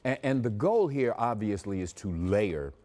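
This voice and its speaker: A man's voice: fairly low pitch, expressive, a little slow, darkish tone, in a large hall. A man hosting a lifestyle TV show, chatting casually and jumping in as he interviews guests. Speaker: TV show host.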